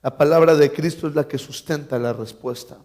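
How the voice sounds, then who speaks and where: A man's voice: on the high side, fairly quick, darkish tone. A man preaching a sermon in a church, telling stories and acting out bits of dialogue with humor.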